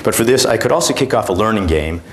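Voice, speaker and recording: Middle aged guy doing a conference demo, deep-ish voice, kinda halting and informal. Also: expressive, background noise. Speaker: presenter demonstrating a product. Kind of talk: conference product demonstration talk. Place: indoor conference room, on stage.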